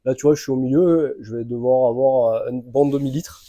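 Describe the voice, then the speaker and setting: A man casually talking the viewer through a van oil change, relaxed and informal, with frequent filler sounds. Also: mid-range voice, brisk. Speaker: mechanic hosting a tutorial channel. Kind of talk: casual how-to instruction.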